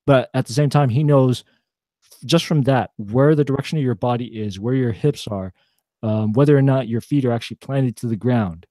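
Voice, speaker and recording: Brief: young male co-host, relaxed mellow voice, loose rambling delivery full of fillers. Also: mid-range voice, dry recording, studio quality. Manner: rambling, lots of fillers and restarts. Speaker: podcast co-host. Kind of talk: casual chat.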